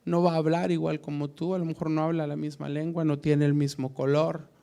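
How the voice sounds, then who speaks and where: A man delivers a Bible study sermon as a pastor. His delivery is slow and emphatic, full of deliberate pauses. His voice is gravelly and mellow, set a little high for a man. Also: level tone.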